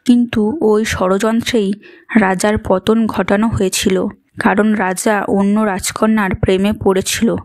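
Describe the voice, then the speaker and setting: A woman narrating a drama recap in a dramatic, brisk storytelling manner. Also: medium pitch, dry recording.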